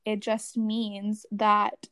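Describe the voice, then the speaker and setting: A woman's voice: medium pitch, drawn-out words, smooth, no echo. A young woman in casual chat, talking animatedly and filling her sentences with "like". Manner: chatty, lots of "like", animated.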